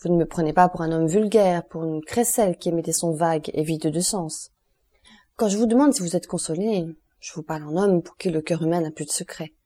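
A woman voicing a calm, mysterious middle-aged count in an audiobook, with a low, measured and restrained delivery. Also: close to an everyday voice. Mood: grave, calm.

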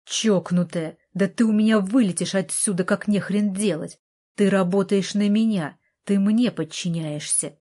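A woman's voice: medium pitch, measured pace, dark tone, lightly acted. A woman voicing a smug mocking wheelchair-bound doctor. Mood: angry. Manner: teasing, smug. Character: sarcastic mocking young man in wheelchair, a doctor.

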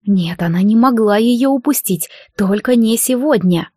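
A woman reading a fantasy audiobook in a measured, even storytelling manner. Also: fairly high pitch, husky, no echo, studio quality. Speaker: audiobook narrator. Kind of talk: scripted narration.

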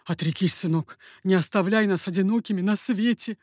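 Old moneylender, pleading, lowered voice, a woman narrator doing him, dry sound. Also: normal speed, no echo, natural voice. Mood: imploring. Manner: pleading, humble. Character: old male Paris moneylender, begging father.

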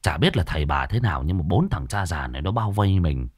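A man narrating a ghost story in an expressive, folksy storytelling manner. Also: low-pitched, fast, slightly rough, dry recording, clean studio sound.

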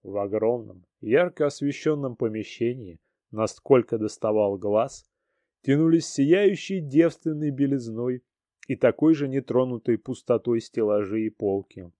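A man reads a story aloud with dramatic expression, his voice mellow and dark. The sound is close and dry, with no room around it. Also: medium pitch, measured pace, no echo. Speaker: narrator. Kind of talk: audiobook narration.

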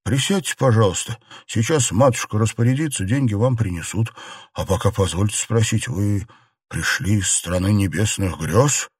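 An earnest young nobleman, stubborn and worked up, pressing his point with rising insistence, as a male narrator plays him. The voice is dry and close-miked, lifted above the reader's low register. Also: normal speed, slightly rough, no echo. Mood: polite. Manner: agitated, insistent.

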